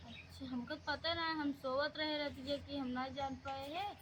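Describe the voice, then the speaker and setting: A woman's voice: sits high, fairly even intonation, normal speed, background noise, close to an everyday voice. A woman playing an inquisitive, plain-spoken village mother-in-law in a comedy skit, with an Awadhi accent. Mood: questioning. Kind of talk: rustic comedy skit acting.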